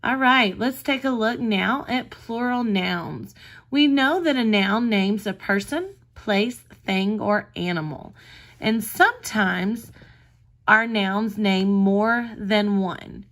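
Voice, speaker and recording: A woman's voice: medium pitch, takes it slowly, fairly bright tone. A woman kindergarten teacher giving a reading lesson, explaining simply and sounding words out carefully, as if reading to a toddler. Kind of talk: recorded reading lesson for young children.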